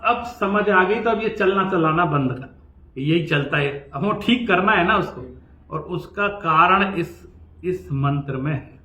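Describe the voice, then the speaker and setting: A man giving a lecture on scripture, slowly chanting verses and then explaining them in a lively, conversational way. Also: high-pitched. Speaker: professor teaching scripture. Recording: echoey, dull-sounding room recording.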